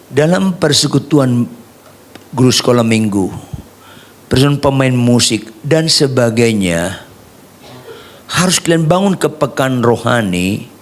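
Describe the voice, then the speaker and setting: A man preaching a sermon as pastor, lively and humorous, swinging between soft asides and raised points. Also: medium pitch, measured pace, long pauses.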